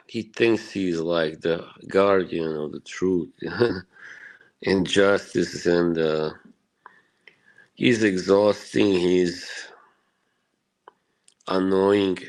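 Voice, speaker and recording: Speaking to his stream chat, a Bosnian man rambles loosely, swearing freely and peppering his talk with "you know" and small laughs. His voice is very low, his pace slow and unhurried, and his intonation fairly even on a rough recording.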